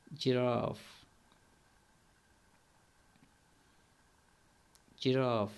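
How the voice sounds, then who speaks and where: A man teaching English pronunciation to children in an online class, saying words slowly and repeating them for the pupils to echo. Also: fairly low pitch, vocal fry, darkish tone.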